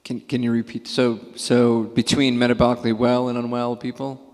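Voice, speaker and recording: Flat-voiced man listing clinic figures. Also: mid-range voice, fairly quick. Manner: matter-of-fact, listing figures. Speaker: panelist physician. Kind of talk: panel discussion. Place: large conference hall. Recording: reverberant hall.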